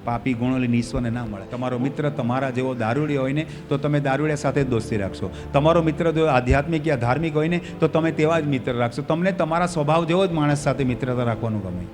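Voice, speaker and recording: A male pastor preaching a sermon in a church hall, his voice often swelling loud with fervor. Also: mid-range voice, fast talker, few pauses. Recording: long hall reverb, faint music behind.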